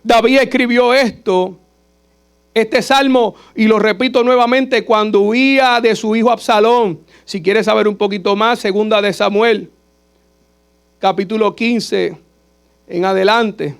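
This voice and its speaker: A man's voice: high voice, steady tone, measured pace, gravelly, clean tone. A man preaching at a Bible study, earnest and emphatic, repeating phrases to drive each point home. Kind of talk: sermon.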